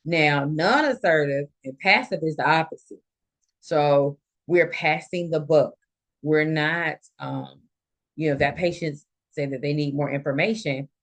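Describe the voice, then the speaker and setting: A nursing instructor of unclear sex lectures a live class informally, explaining with everyday and quoted examples. The voice sits in the middle register, fairly bright in tone, and the pace is a little slow.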